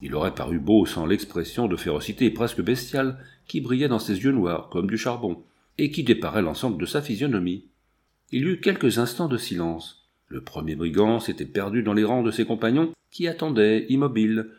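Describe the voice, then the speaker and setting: A man narrating an adventure novel in a steady, measured reading. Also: on the low side. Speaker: audiobook narrator. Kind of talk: audiobook reading.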